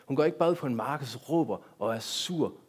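A man's voice: mid-range voice, lively intonation, a little mellow, husky. A man giving a sermon in a church, talking directly to the congregation and asking them many rhetorical questions. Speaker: pastor.

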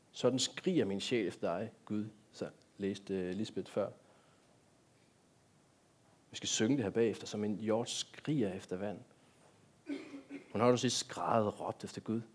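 A man's voice: lowish voice, darkish tone. A man giving a sermon in a church, talking directly to the congregation and asking them many rhetorical questions. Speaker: pastor.

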